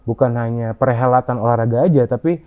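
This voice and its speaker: A man answering interview questions in a halting way, with frequent fillers and restarts. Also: medium pitch. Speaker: interview guest. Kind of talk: conversational interview. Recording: dull lo-fi audio.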